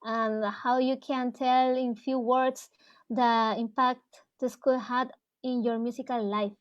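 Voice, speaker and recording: A woman from Peru interviewing two musicians, asking her questions with hesitant pauses. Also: on the high side, flat delivery, lo-fi sound. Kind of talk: casual interview talk.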